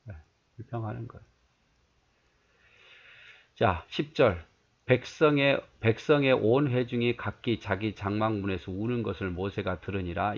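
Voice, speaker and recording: A man's voice: on the low side, lo-fi sound. A man pastor preaching a conversational sermon, reading scripture and asking his listeners rhetorical questions.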